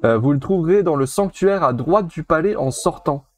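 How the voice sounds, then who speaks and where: A man's voice: on the high side, animated, normal speed. A man voicing a polite young princess of a forest tribe in a raised, formal voice, reading game dialogue with small hesitations. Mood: gracious. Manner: prim, formal, slightly hesitant.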